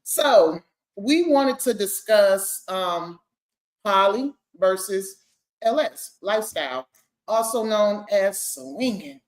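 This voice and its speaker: A woman's voice: mid-range voice, lively intonation. A woman hosting a casual podcast in a playful, loose way. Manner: playful, loose, slows to introduce topics. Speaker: podcast host. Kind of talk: casual chat.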